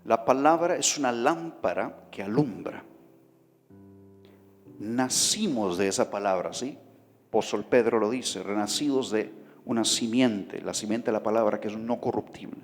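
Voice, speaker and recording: A man's voice: on the low side, a little slow. A man preaching a sermon, talking conversationally and often asking the congregation questions. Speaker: pastor. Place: church hall. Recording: reverberant hall with faint music behind.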